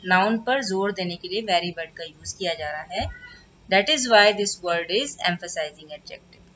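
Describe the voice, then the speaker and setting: A woman teaching a grammar lesson with an Indian English accent. She reads the English slowly and word by word, then explains more quickly in Hindi. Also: fairly low pitch, fairly bright tone, dull audio, a little hiss or hum.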